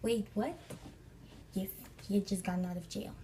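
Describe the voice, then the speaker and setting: Young woman, from Africa, chatty storyteller, mellow voice, mic at a distance. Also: on the low side, completely flat delivery, fast, a little hiss or hum. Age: young adult. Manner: chatty, acts out the people she quotes. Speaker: vlogger. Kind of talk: storytime vlog.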